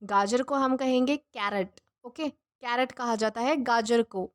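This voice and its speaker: Woman teacher, high voice, slow repetition drills, question-and-answer style. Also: a little hiss or hum. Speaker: English teacher. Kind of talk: spoken language lesson.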